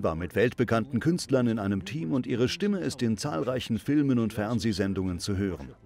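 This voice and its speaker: A man's voice: mid-range voice, darkish tone. A man hosting a faith talk show, introducing and interviewing a guest in an upbeat, encouraging way.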